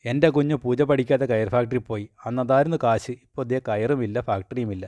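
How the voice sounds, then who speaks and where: A man's voice: mid-range voice, a little fast, mellow, no echo, natural voice. A man reading as a grumbling old grandmother. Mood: lamenting.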